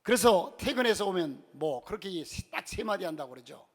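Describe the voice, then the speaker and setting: A male pastor preaching a sermon in a church, mixing humorous stories into his message and swinging between loud and soft delivery. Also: sits high, expressive, brisk.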